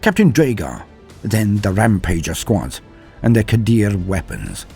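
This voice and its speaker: A man hosts a lore channel, narrating in a gravelly, lowish, somewhat mellow voice that is very animated yet unhurried. His wording is theatrical and florid, scripted but with chatty, self-deprecating asides, and background music sits under his voice.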